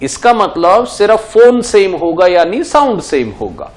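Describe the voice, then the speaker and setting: A man's voice: sits high, big pitch swings, unhurried. A man with an Indian accent teaching an exam-prep lesson at a board, asking his class questions and answering them himself, switching between Hindi and English.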